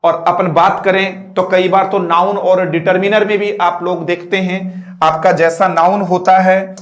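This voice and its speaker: Guy teaching english in a roomy echoey class, high voice, slow careful explaining. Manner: repeats "dosto", asks "are you getting me"; patient, drawn-out word-by-word explanations. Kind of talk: classroom lecture.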